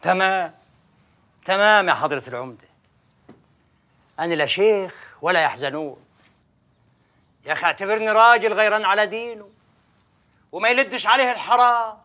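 Preachy village sheikh, high and quick. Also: male voice, pushed and bright. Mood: reproachful. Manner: reproachful, insistent. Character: stern self-righteous village sheikh, adult man. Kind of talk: television drama acting.

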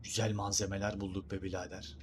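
A man's voice: low voice, little pitch movement, fast talker, a little hiss or hum. A young man casually commenting on his gameplay, joking, using slang and talking to viewers and creatures on screen. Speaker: gaming YouTuber. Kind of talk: casual let's play commentary.

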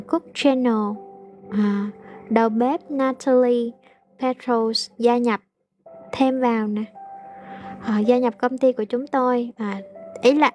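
A woman English teacher, translating aloud slowly in a casual lesson with frequent hesitations. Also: on the high side, a little mellow.

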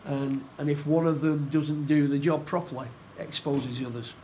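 Halting middle-aged man, football manager. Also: on the high side, fairly even intonation, background noise. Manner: halting, repeats words, plain-spoken. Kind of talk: post-match interview. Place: indoor room by a stadium door.

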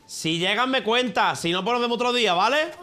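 A man's voice: extremely high pitch, fairly quick, pushed and bright. A man, chatting casually on a live stream while he games, swearing freely and breaking into laughter.

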